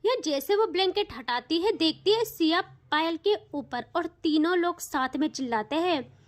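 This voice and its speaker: A woman's voice: very high voice, animated, moderate pace. A woman narrating an audio love story in a chatty, informal way.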